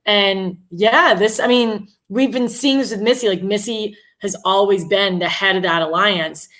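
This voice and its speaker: A woman's voice: mid-range voice, unhurried, fairly bright tone. A woman co-hosting a casual TV recap chat, speaking bluntly with strong opinions and some swearing. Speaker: podcast co-host.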